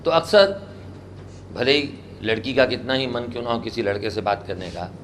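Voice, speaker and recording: A man's voice: mid-range voice, expressive, moderate pace, fairly bright tone, slight background noise. A man from India teaching a spoken English class, quizzing students and drilling repetition. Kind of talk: classroom language lesson.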